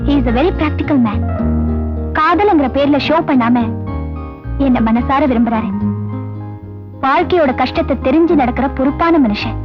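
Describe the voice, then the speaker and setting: A woman's voice: high-pitched, measured pace, long pauses. An earnest young woman in love. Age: young adult. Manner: earnest, sincere. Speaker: stenographer. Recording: dull old film soundtrack with music. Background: background music.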